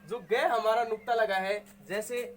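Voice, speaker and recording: A man's voice: high-pitched, fairly even intonation, normal speed, slight background noise. A man teaching Hindi grammar, sounding out each word and repeating it patiently, asking and answering his own questions. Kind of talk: explaining Hindi grammar to students.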